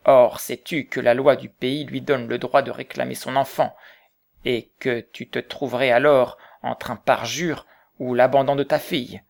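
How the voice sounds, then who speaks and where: A man reading the part of an old Quaker, earnest and gently reproachful, in an audiobook. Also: mid-range voice, flat delivery, normal speed, gravelly, natural voice.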